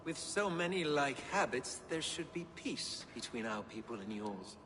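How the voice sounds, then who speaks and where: Actor playing a formal Saxon noble. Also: male voice, mid-range voice, big pitch swings, in a large hall, background noise, close to an everyday voice. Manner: formal, courteous, deliberate. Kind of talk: video game dialogue.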